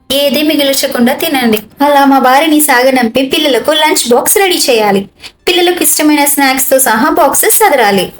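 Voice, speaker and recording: A woman's voice: sits high, echoey room, close to an everyday voice. A young woman playing a put-upon daughter-in-law who chats to the audience and turns sweet with a sly edge. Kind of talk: amateur family comedy skit.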